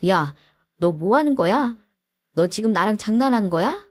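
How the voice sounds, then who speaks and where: A woman's voice: mid-range voice, expressive, normal speed, no room sound, clean studio sound, lightly acted. A woman voicing an angry husband who barks and scolds. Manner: barking, scolding. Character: angry husband defending his family.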